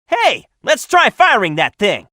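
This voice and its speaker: A man's voice: high voice, wildly swooping pitch, unhurried, sharp tone, no room sound, clean studio sound, exaggerated voice. A man voicing a cocky, daring young hedgehog hero in a video game, with a breezy, confident manner. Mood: breezy, curious.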